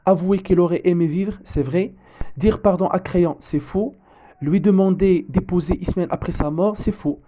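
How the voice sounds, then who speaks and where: A man correcting an exam as a teacher, often pausing on fillers and restarting his sentences. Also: sits high, dark tone. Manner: hesitant, frequent fillers and restarts. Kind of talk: exam correction lesson, reading the text aloud.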